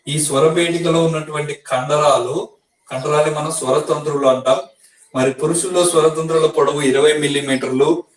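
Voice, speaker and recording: A male teacher giving an exam-prep science lesson, explaining step by step and repeating key facts for students to memorize. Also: a little high. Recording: echoey room, voice from a distance.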